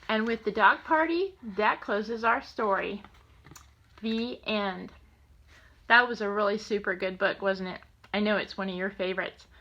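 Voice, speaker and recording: A grandmother reads a picture book to her young grandchild and chats with them playfully, in an affectionate sing-song. Her voice sits on the high side and sounds bright and forceful. The recording has its highs cut off.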